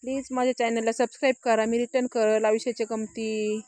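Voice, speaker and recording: Casting: chatty woman on a walking phone vlog, high-ish voice, dry close sound. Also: little pitch movement, fast talker, a little mellow, no echo. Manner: chatty, repeats "hey bagha" often. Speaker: vlogger. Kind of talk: casual home tour vlog. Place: outdoors at a village home at dusk.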